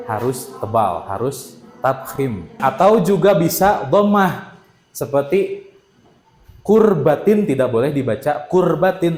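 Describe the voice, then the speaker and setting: A man's voice: mid-range voice, a little mellow, slight background noise. A young man teaching a primary school religion class in a classroom, drilling the pupils with call-and-response. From Indonesia. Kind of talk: classroom lesson. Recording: echoey classroom.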